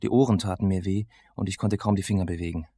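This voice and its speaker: A man narrating an audiobook in a casual, sardonic first-person voice. His voice is very low, with gravel and a husky edge. The sound is dry and close. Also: steady tone, quick pace, dark tone, dry recording. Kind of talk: first-person novel reading.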